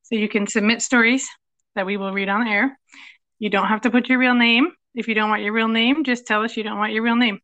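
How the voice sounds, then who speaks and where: Bright-voiced woman podcast host. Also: a little high, steady tone, brisk, no echo, highs cut off. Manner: laughs often, loses track mid-sentence. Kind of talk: casual chat.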